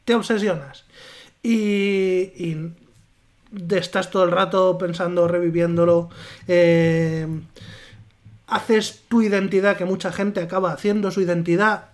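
A man co-hosting a podcast, making his points casually and deliberately, with pauses and fillers. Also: high voice, steady tone. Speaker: podcast co-host. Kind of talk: casual chat.

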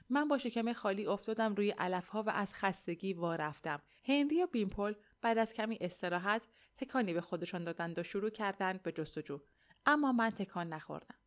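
A woman narrating a novel aloud in a calm, measured storytelling voice. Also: medium pitch. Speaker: audiobook narrator.

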